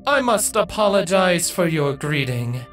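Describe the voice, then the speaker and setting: A man's voice: high-pitched, sing-song, measured pace, a bit bright, faint music behind, voice pushed up, exaggerated voice. A man voicing a tall, regal female changeling queen who speaks in a stately, courteous way.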